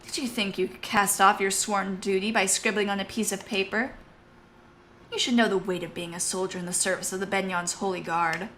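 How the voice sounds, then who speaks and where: Casting: woman playing a stern, formal female officer with a bright, firm voice. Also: mid-range voice, steady tone, fairly quick, a little hiss or hum, lightly acted.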